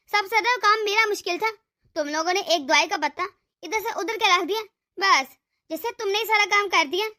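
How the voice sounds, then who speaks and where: A domineering old mother-in-law from a cartoon, voiced by a woman, barking orders at the household in a bright, high voice with a bossy, commanding edge. She schemes and lords it over the family.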